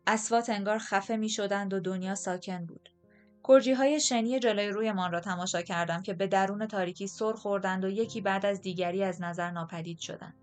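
A woman reading a first-person audiobook in a measured, steady, softly dramatic way. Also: medium pitch. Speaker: audiobook narrator.

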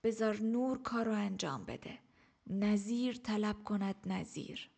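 A woman reading an audiobook, voicing a stern old woman teacher who scolds slowly and shouts. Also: mid-range voice, lively intonation, vocal fry, husky. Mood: scolding. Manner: slow, scolding, raises her voice to shouts. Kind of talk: audiobook character voice.

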